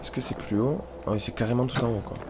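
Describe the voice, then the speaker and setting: Man, gamer commentary, casual and chatty, addresses viewers, mid pitch, slight noise behind. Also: fast. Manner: chatty, talks straight to his viewers. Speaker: let's play gamer.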